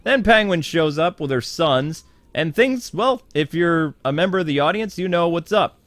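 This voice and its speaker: A man's voice: fairly high pitch, animated, normal speed, a bit bright, no room sound. A man giving a casual, opinionated spoiler review of a cartoon episode, chatty, full of fillers, laughing now and then. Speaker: TV show reviewer.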